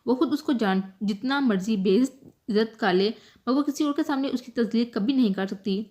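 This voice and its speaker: Woman narrating a novel, slightly high voice. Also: a little mellow. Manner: emotive, measured storytelling. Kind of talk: scripted novel reading.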